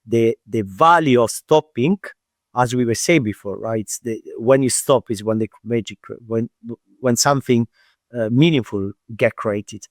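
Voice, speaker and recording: A man with a medium-pitched, unhurried voice, recorded in clean studio quality with no echo. He is a performance mental coach appearing as a guest in a conversational podcast interview, speaking thoughtfully and often hesitating as he searches for words.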